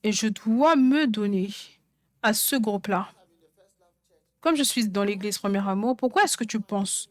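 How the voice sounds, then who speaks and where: A woman's voice: mid-range voice, animated, measured pace, no echo. A woman preaching a sermon, emphatic and repeating phrases for stress. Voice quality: songwriter speaking of her own songs.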